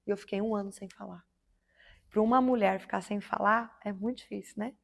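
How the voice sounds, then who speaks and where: A woman in her thirties telling her religious testimony as a guest, fervent and preacher-like, swelling louder and slower at the high points. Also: fairly even intonation, creaky. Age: 30s. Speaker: guest giving a faith testimony.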